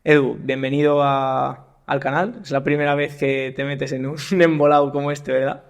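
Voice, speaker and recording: A young man from Spain hosts a casual podcast interview, his voice gravelly and rough at the edges. He asks his questions haltingly, repeating words as he feels his way forward. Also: medium pitch, flat delivery. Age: young adult. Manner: hesitant, repeats words while asking questions. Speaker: podcast host.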